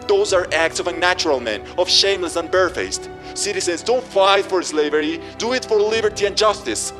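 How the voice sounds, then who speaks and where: A man playing a fervent orator in an impassioned, ranting political speech, exhorting the masses loudly and forcefully. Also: sits high, lively intonation, a little fast. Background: music.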